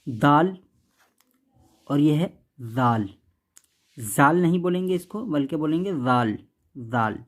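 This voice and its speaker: A man teaching how to read the Quran, saying each letter sound slowly and more than once, contrasting thin and heavy sounds, and checking in often. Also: a little high, lively intonation. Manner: patient, repeats each sound, keeps asking "okay?".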